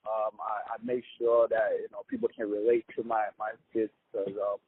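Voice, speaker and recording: A man's voice: on the low side, very animated, moderate pace, slightly rough. Upbeat young man on a phone line. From Ghana. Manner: easygoing, upbeat, chatty with fillers. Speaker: comedian guest. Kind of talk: casual interview. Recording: tinny phone-line sound.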